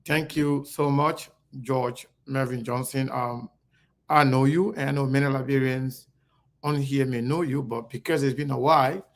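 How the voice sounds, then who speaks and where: Gravelly-voiced male interview host. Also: mid-range voice, steady tone, moderate pace. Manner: hesitant, friendly, with fillers. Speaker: show host. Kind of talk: interview conversation.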